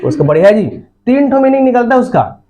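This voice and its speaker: A man's voice: very high voice, sing-song, fairly quick. Man, physics teacher, classroom lecture, playful, muffled classroom recording. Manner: playful, drills words with the class.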